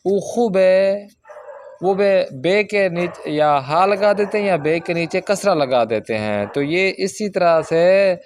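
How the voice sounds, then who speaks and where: A man teaching a Persian language lesson from a workbook, reading example sentences slowly and then explaining them step by step. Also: high voice, lively intonation, a little hiss or hum.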